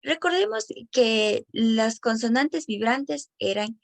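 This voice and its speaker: A woman reads an educational presentation in a careful, explanatory way. Her voice sits a little high with a gravelly, creaky texture. The recording is close and dry, with no room sound. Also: expressive, dry recording. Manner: careful, explanatory, slows down on example words.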